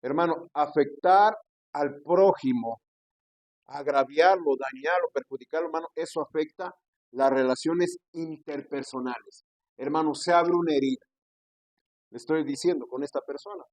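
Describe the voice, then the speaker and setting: A man's voice: a little mellow, dry recording, rough recording. A male pastor preaching a sermon, asking rhetorical questions, adding "¿verdad?" after phrases and calling his listeners brother. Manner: slows and rises in pitch on key scripture phrases.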